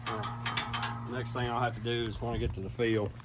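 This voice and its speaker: Farmer guy outside, medium pitch, matter-of-fact and kinda halting, really loud machinery noise behind him. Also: level tone. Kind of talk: casual practical explaining. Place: outdoors on a farm. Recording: very noisy outdoor recording, machinery and vehicle sounds.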